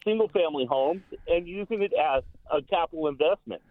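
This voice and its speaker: A man calling in to a radio talk show and making an earnest, deliberate point. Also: a little high, lively intonation, no room sound. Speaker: caller. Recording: tinny phone line on radio.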